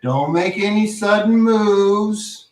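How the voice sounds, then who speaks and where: A tiny, commanding sheriff creature, played by a man speaks high and stern in a fantasy tabletop game. His menacing orders come drawn out, from off the mic in an echoey room. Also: slow, a little mellow, distant mic, slight background noise.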